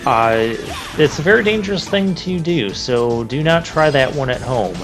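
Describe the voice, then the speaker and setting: Against game music and crashing sounds, a man offers casual let's play commentary, chatting and thinking out loud while playing. His voice is a little high with lively intonation at a moderate pace.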